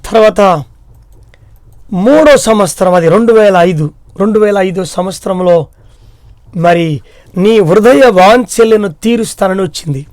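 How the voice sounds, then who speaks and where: A man's voice: high voice, measured pace, long pauses, darkish tone, no echo, studio quality. A middle-aged man from India with a Telugu accent, a pastor telling his personal testimony in a repetitive, pleading way. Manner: repetitive, pleading, tearful retelling.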